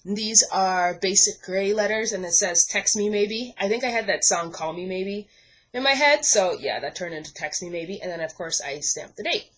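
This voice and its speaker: A woman's voice: mid-range voice, lively intonation, moderate pace, a bit bright, poor audio. A young woman from the Bahamas, casually walking through her scrapbook pages at a craft desk at home, chatty with many ums and self-corrections. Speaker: scrapbooking vlogger. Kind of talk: casual show-and-tell walkthrough.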